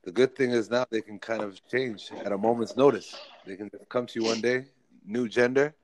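A man's voice: mid-range voice, moderate pace, a little hiss or hum, low-quality recording. A man in his forties hosting a casual podcast chat, laid-back and teasing, laughing often. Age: 40s.

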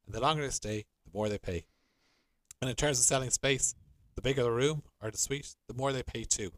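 A man's voice: on the low side, dry recording. A middle-aged man with a west of Ireland accent, talking conversationally as a podcast co-host. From Galway, Ireland. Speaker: podcast co-host, hotel sales professional.

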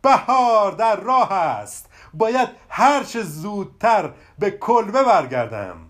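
Old fisherman, played by a man: loud rallying cries, pitched up. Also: big pitch swings. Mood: joyful. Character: weary old fisherman, revived and hopeful.

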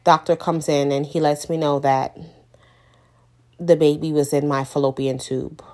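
Woman, 30s, low voice; earnest first-person testimony, emphatic repetition. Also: little pitch movement, measured pace, dark tone. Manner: earnest, emotional, repeats for emphasis. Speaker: mother sharing her story.

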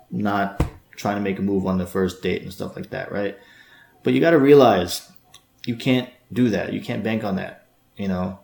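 A man lectures his listener with blunt, scolding advice, often stumbling over repeated words as he pushes his point. His voice sits at an ordinary middle pitch. The sound carries a noticeable room echo. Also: darkish tone. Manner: harsh, scolding, lots of stammered repeats. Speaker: dating podcast host. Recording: echoey room.

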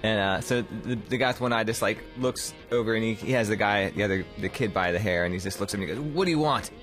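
A man narrating as game master of a tabletop game, relaxed and rambling with lots of fillers. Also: lowish voice, fast, soft background music.

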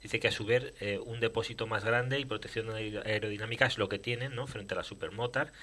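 A man's voice: fairly low pitch, fairly even intonation, fairly quick, bright, forceful tone. A man co-hosting a motorcycle podcast, chatting casually and reading listener emails aloud. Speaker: podcast co-host. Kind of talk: casual chat.

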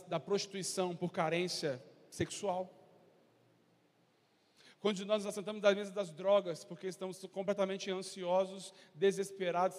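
Impassioned high-voiced man preaching. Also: a little mellow. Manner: impassioned, rhetorical questions, acts out crowd voices. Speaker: pastor. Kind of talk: sermon. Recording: long hall reverb.

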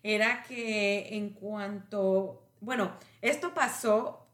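A woman's voice: mid-range voice, steady tone, extremely slow, a bit bright. A woman recalling her experience as a podcast guest, hesitant and searching for words. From Mexico. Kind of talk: casual recollection. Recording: roomy echo.

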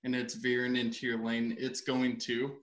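A man playing a word-guessing game on a radio show, excitable and laughing often as he fumbles his clues. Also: mid-range voice, normal speed, roomy sound. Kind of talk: casual joking banter.

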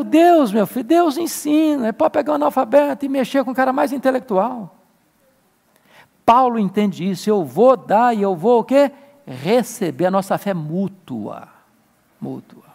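A male pastor preaching a Bible-study sermon with animated, emphatic bursts. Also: high voice, creaky, big-room sound. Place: church sanctuary.

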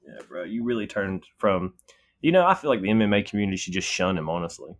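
A man with a fairly low voice co-hosts a podcast. His pitch moves around a lot as he chats casually. He uses plenty of slang and profanity. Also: animated, fast talker. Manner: slangy, bro-heavy talk. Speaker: podcast co-host.

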